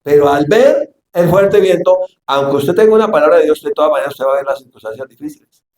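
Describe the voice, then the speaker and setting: A man preaching a sermon as pastor, acting out Bible scenes and shouting for emphasis. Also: a little high, animated, quick pace. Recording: echoey church hall, faint ambience.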